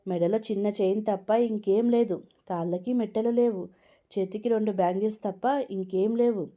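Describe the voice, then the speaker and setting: An insistent middle-aged mother-in-law who coaxes and presses her point, read aloud by a woman. The tone is mellow and warm, and it is the voice of a storybook reading. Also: mid-range voice, steady tone, a little fast, natural voice. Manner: coaxing and pushy.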